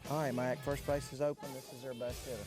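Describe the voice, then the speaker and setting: A softball coach wearing a body mic, hollering quick encouragement to his players at an outdoor field. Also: mid-range voice, little pitch movement, music in the background. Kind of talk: live coaching from the dugout. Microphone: wireless body mic.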